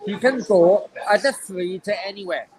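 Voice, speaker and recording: A man's voice: sits high, normal speed, a little mellow, slight background noise, poor audio. A young man in a heated casual chat, insistent and sweary, talking over the others. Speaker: podcast guest.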